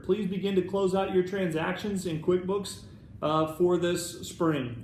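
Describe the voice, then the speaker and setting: An American man with a fairly high, slightly mellow voice presents for an alumni club staff, giving volunteers an encouraging, instructive, semi-scripted update. The recording has a roomy echo and background noise.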